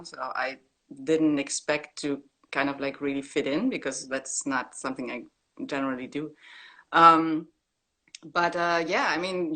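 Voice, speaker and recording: A woman speaks from a room at home over a laptop video call. Her voice sits low, and her telling is relaxed and candid, dotted with fillers and light laughs. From East Germany. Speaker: graffiti artist guest. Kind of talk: casual video-call interview. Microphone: laptop webcam on a video call.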